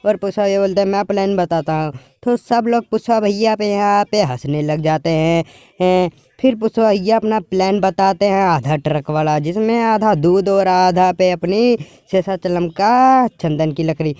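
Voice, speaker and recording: Brief: male movie-recap vlogger, high and mellow voice, casual plot retelling with quoted lines. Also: clean tone, no echo, clean studio sound. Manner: retells dialogue as quick plain quotes in colloquial speech.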